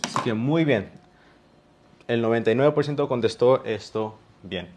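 A man's voice: mid-range voice, moderate pace, darkish tone. A male English teacher with a Mexican Spanish accent, patiently explaining grammar in a live online class and drawing out his examples.

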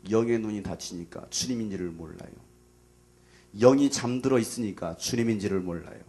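A man preaching to a youth gathering as their pastor, dramatic and casual, swinging between loud outbursts and near whispers. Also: on the low side, brisk. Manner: casual, plain speech to young listeners.

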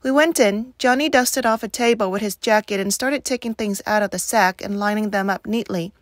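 A woman teacher reads a novel aloud in a steady, even way. Her voice sits at a middle pitch. The sound is dry and close, with no echo. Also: fairly quick.

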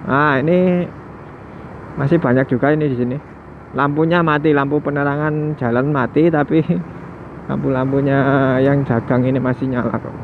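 This motovlogger's mid-range voice stays steady at a moderate pace, with frequent pauses. On his motorbike at night in the city, he chats casually to viewers, muses aloud and chuckles occasionally, captured by a tinny helmet headset mic amid loud road noise.

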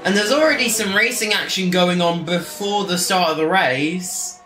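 A man's voice: high-pitched, normal speed, bright, forceful tone. A man giving chatty, joking, off-the-cuff live commentary on a sim race from his home streaming setup. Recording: roomy echo, faint music behind.

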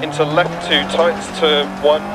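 A man's voice: a little high, little pitch movement, measured pace, close to an everyday voice. Man acting a rally co-driver rattling off pace notes over roaring car noise. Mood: focused, urgent. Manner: clipped, businesslike, urgent calls. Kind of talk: rapid rally pace notes in clipped phrases. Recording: loud car engine and tyre noise. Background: racing car engine, gravel and tyre noise.

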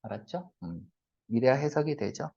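A male English reading teacher giving a brisk exam-prep lecture, firing quick rhetorical check-questions at his students and switching between polite and blunt casual speech. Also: mid-range voice, vocal fry, dark tone. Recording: lo-fi lecture recording.

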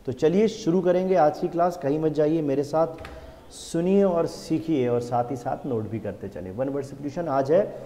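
A man teaching an exam-prep vocabulary lesson. He reads English definitions out slowly and repeats each answer back as a question. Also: a little high, dark tone, long reverb tail. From India.

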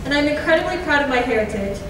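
A woman's voice: sits high, animated, very fast, background noise. A teenage girl from the United States, reading prepared remarks as fashion show announcer on a school stage. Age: teens. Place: large school auditorium stage. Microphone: handheld mic, heard from far off. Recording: echoey auditorium from far off, loud crowd and music.

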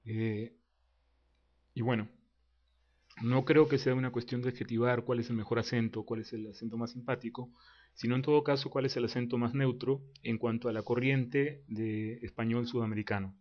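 Man with a Lima accent, measured. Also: medium pitch, steady tone, dull audio. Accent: Lima, Peru. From Peru. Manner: measured, pauses with fillers like eh and em. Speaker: vlogger. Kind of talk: explaining to camera.

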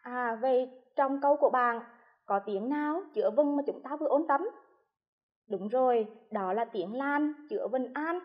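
A female primary school teacher giving a televised lesson to first graders, speaking slowly and spelling things out with careful, clear articulation. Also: high-pitched, highs cut off. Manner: slow, clearly articulated classroom delivery.

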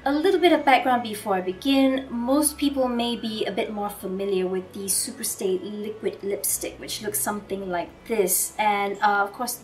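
A woman getting over a cold, sounding slightly hoarse and nasal, chatting casually through a beauty product review with frequent fillers. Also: mid-range voice, recorded from a distance, a little hiss or hum. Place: Singapore.

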